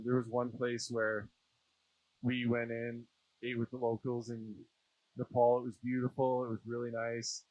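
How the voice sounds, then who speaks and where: A Saskatchewan man's mid-range voice comes through a muffled recording. He's an interview guest chatting casually in a small aircraft cockpit, using informal, slangy Canadian speech.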